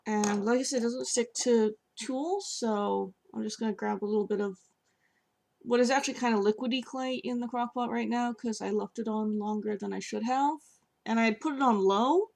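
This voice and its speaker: Working with clay at a table near her sofa, a woman casually talks through how she sculpts, dropping fillers as her hands keep moving. Her voice is a little high and slightly mellow, at normal speed, but hoarse, scratchy and gravelly from partial voice loss.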